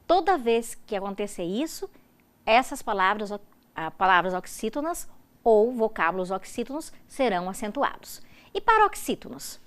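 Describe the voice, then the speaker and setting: A woman from Brazil giving a recorded university lecture, explaining rules step by step and checking in with her students often. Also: mid-range voice. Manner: stresses example words slowly and loudly. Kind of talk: recorded distance-learning lecture.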